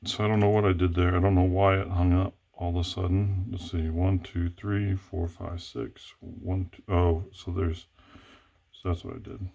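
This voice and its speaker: Low-voiced man musing aloud. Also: little pitch movement, normal speed, vocal fry, warm tone. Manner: hesitant, self-correcting, muttering to himself. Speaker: lock picking hobbyist. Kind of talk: thinking aloud while working.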